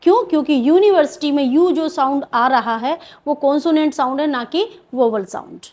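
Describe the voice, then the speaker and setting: A woman's voice: sits high, normal speed, a little mellow. A woman with an Indian accent teaching English grammar in a video lesson, asking questions and answering them herself.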